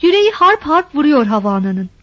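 A woman reading a novel aloud in measured, steady audiobook narration. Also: high-pitched, dry recording, muffled recording.

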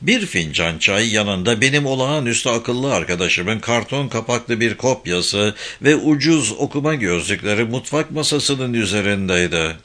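Male audiobook narrator, steady reading, bright tone, mid pitch. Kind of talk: scripted narration.

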